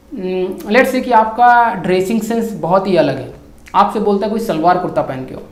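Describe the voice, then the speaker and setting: A male YouTuber with a high, darkish voice talks casually to camera in an echoey room, answering his viewers' comments. He mixes Hindi and English and keeps up a steady stream of "yaar" and "bhai."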